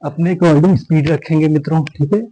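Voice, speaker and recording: This guided yoga class comes from a Hindi-accented man with a fairly high but dark-toned voice, quick-paced and fairly even in intonation. He counts breaths, calls his viewers friends again and again, and reassures them to rest when tired and not overdo it. The recording is rough.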